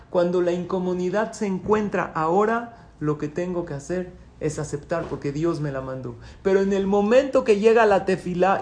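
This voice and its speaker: A man, a rabbi, giving a sermon, teaching through questions and answers, now pleading loudly, now dropping to soft asides. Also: high voice.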